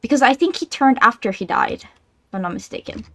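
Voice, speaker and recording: Fairly high-voiced young woman thinking aloud. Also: animated, fairly quick, no echo. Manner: thinking aloud, hesitant, many fillers. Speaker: player. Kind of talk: tabletop game play.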